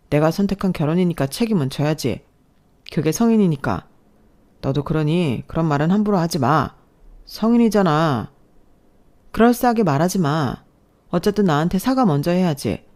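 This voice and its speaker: Self-serving husband lecturing his wife, mellow low voice, read by a woman. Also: expressive, normal speed, natural voice. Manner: lecturing, reproachful.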